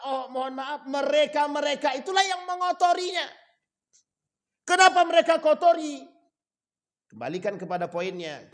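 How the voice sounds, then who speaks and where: Lively high-voiced male preacher. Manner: lively, swings between loud emphatic rises and low quiet drops; addresses listeners directly, rhetorical questions. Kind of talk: sermon.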